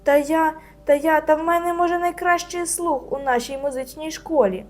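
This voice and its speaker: A woman's voice: medium pitch, moderate pace, mellow, soft background music, lightly acted. A woman voicing a proud, stubborn schoolgirl in a storybook reading, musing and indignant.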